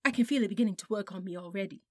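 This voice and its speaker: A woman's voice: medium pitch, very fast, mellow, no room sound, clean studio sound, natural voice. A woman voicing a stubborn, curious young boy who argues eagerly and insistently in a storybook reading. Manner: insistent and eager, rising to heated.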